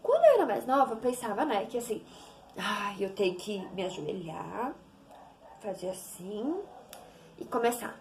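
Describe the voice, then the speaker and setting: A young woman giving a casual devotional talk to camera, animated and acting out prayers and little dialogues in playful voices. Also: medium pitch, normal speed, slight background noise.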